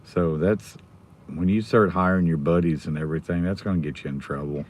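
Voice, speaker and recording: An American man with his voice nearly gone, chatting casually and quietly as a livestream host while sitting in a car. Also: low voice, a little fast. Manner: subdued, holding the volume down. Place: inside a car in a school pickup line. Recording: noticeable background noise in a car.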